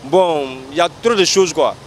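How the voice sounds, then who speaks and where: A man's voice: a little high, normal speed, slight background noise. A man, a driver, complaining repetitively at the roadside.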